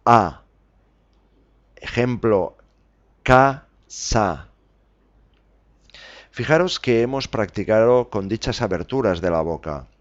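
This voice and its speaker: A man with a lowish voice teaches pronunciation on his podcast, speaking very slowly and deliberately. He pauses on each example and fills gaps with "eh". The recording sounds a little dull and lo-fi. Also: animated. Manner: slow, deliberate, spells out examples with fillers. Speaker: Spanish teacher podcast host.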